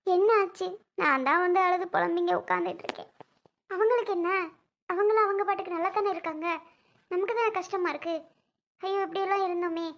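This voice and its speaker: A woman's voice: very high voice, vocal fry. A woman playing a bitter, tearful young wife. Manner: tearful, complaining and scolding. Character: bitter young wife grieving family losses.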